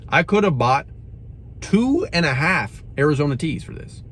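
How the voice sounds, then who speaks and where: A man's voice: fairly high pitch, moderate pace. A young man reviewing a drink in a casual, exasperated rant, saying "bro" often. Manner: animated, exasperated, says "bro" a lot.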